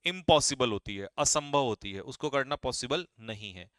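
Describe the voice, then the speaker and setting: Man, teacher quizzing a class, bright forceful voice, smooth, dry close sound. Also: mid-range voice, expressive, no echo. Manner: brisk, quizzing students and teasing them. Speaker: English vocabulary teacher. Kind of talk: live online exam-prep class.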